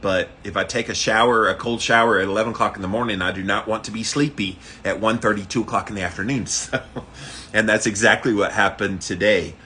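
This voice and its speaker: A man's voice: lowish voice, fairly even intonation, a little fast, sharp tone. A man hosting a livestream, chatting casually and explaining things informally to his viewers. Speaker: livestream host doing a daily ice bath challenge. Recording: faint background noise.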